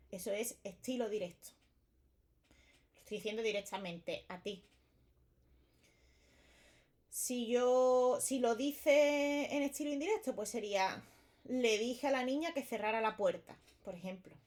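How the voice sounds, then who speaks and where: A woman's voice: on the high side, measured pace, pauses often, darkish tone. Woman explaining grammar casually, lots of examples, keeps asking vale. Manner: chatty, explains with repeated examples and checks with "vale". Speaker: teacher. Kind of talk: casual exam-prep lesson.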